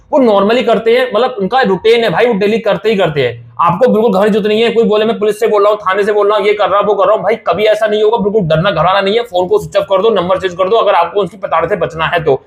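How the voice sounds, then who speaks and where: A man delivers a casual advice talk to his viewers. His voice sits high and the words tumble out quickly. He reassures them over and over and calls them brother. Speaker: loan advice YouTuber. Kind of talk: casual direct-to-camera advice.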